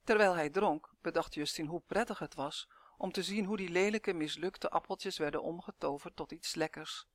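A woman narrating a children's storybook in a clear, even, expressive reading voice. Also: fairly low pitch, normal speed, few pauses, no room sound.

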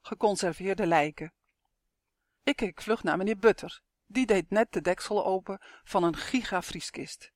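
A narrator reading a first-person suspense story in a steady, measured way on a close microphone. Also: medium pitch, dry recording. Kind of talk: audiobook narration of a suspense novel.

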